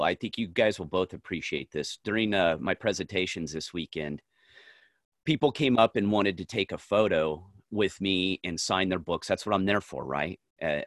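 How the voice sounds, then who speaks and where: Low-voiced man, earnest and emphatic. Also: fairly bright tone, no room sound, studio quality. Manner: earnest and emphatic, short firm statements. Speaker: podcast co-host. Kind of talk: casual conversation.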